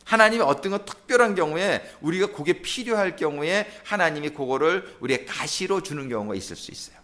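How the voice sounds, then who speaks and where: A man's voice: fairly high pitch, a bit bright. A male pastor preaching a sermon in a church, in a conversational style, putting questions to the congregation. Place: church sanctuary.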